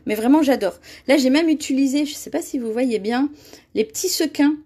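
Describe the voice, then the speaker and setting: A woman with a high voice leads a live card-making tutorial. She talks in a chatty, easygoing way and laughs often. She breaks off to read viewers' comments aloud. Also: fairly quick, dark tone. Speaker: crafting demonstrator.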